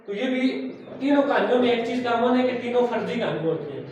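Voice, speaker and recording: A man's voice: very high voice, expressive, fast talker, darkish tone, lo-fi sound. A man teaching a class and often checking with the students whether they follow, speaking. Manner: asks the class "सही है?" again and again. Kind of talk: classroom lecture. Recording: echoey classroom from far off, faint noise.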